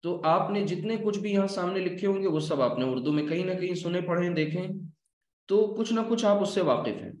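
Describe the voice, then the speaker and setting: A man teaching an Arabic language class, explaining slowly and asking his students questions. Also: high-pitched, darkish tone. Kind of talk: classroom lecture. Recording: echoey room.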